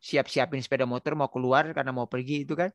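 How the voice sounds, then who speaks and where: A middle-aged man, a pastor, talking through a story in casual sermon-like chat, with many pauses, restarts and fillers. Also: mid-range voice, steady tone, no echo, dull audio. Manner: hesitant, many restarts and fillers, tells stories.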